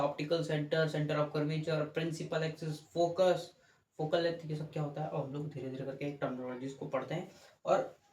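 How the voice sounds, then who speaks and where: A man's voice: fairly high pitch, a little mellow. A man teaching a physics class, explaining step by step, asking checking questions and correcting himself as he draws. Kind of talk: classroom lecture with board drawing. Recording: echoey room with faint ambient noise.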